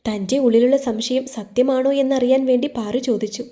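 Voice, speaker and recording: A woman reading a romantic story aloud in calm, steady narration. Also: a little high, brisk. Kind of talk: scripted narration.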